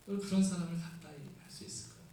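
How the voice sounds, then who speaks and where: Recorded from afar in an echoey church sanctuary with faint hiss, this Sunday sermon comes from a male pastor from South Korea. His high voice holds a steady tone at a fast pace as he explains scripture conversationally, asking rhetorical questions.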